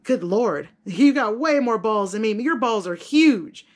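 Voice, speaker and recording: In an unhurried, animated manner and a somewhat high voice, a woman vlogger talks casually to the people watching. She's frank and self-mocking, wandering from point to point with slangy phrasing and offhand cursing.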